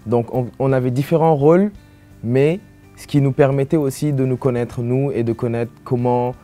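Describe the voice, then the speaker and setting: A young man from Senegal speaks as a student in a casual testimonial, his tone warm and mellow. He talks easily and drops casual fillers as he goes. Soft music plays faintly behind him. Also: mid-range voice, fairly even intonation, moderate pace.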